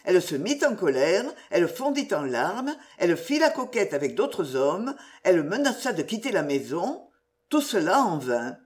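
A woman narrating an audiobook in a measured, expressive storytelling manner. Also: lowish voice.

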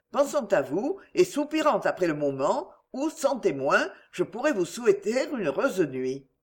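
A woman voicing an ardent, smooth-talking English gentleman who pleads and flatters as he courts a young woman in a storybook reading. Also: mid-range voice.

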